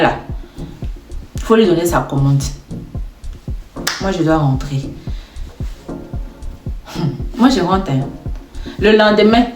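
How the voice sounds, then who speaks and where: A woman telling a comic storytime, chatty and animated as she acts out the dialogue. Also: on the low side. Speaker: storyteller, content creator. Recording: echoey room.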